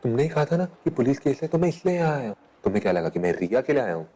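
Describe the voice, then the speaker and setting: An actor playing an arrogant young ex-boyfriend who is dismissive and impatient. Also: male voice, mid-range voice, big pitch swings, very fast, lightly acted.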